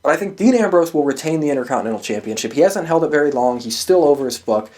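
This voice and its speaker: A man with a fairly high, slightly mellow voice talks fast with lively intonation. He's the host of a wrestling prediction show, dishing out casual, opinionated sports commentary in a sweary, emphatic manner.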